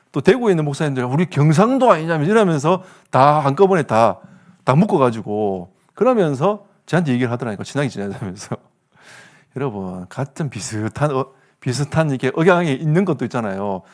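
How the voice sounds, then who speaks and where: A male pastor with a Gyeongsang accent preaching a sermon, telling stories with comic asides and laughter. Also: on the high side. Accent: Gyeongsang Korean. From South Korea.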